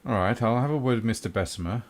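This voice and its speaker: A man voicing a stern male mage provost who speaks formally and with measured hesitations. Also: medium pitch, natural voice.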